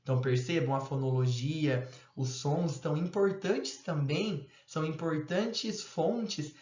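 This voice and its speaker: A man's voice: on the high side, a little slow, a little mellow. A man giving a recorded lecture, explaining step by step and acting out casual example phrases. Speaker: university lecturer. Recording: roomy, dull lo-fi sound.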